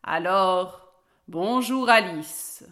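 A woman voicing a huge, friendly red dragon with a deep, calm voice. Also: extremely slow.

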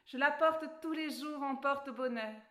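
A woman voicing Alice, an eager young girl who pleads and begs in a storybook reading, speaking in a raised, excited voice. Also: moderate pace, echoey room. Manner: high, excited, pleading delivery.

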